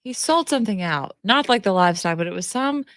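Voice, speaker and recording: A woman's voice: medium pitch, animated, brisk, fairly bright tone, dry recording, clean studio sound. A woman co-hosting a radio show in casual conversation. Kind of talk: casual chat.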